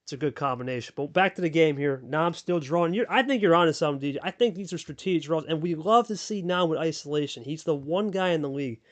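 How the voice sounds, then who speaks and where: With a deep radio voice, a man delivers chatty, hyped play-by-play commentary on a card game alongside his co-host. He talks fast, with few pauses.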